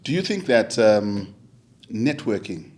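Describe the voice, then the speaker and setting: A man's voice: fairly low pitch, very animated, darkish tone. A man hosting a radio interview, chatty and eager, often cutting in to agree. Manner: friendly, eager, quick to affirm with "yeah". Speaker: radio show host. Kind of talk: conversational interview.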